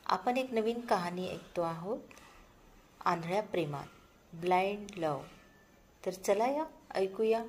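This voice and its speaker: A woman storyteller narrating a short love story in an even, gentle reading style. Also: medium pitch, a little slow, pauses often, slight background noise.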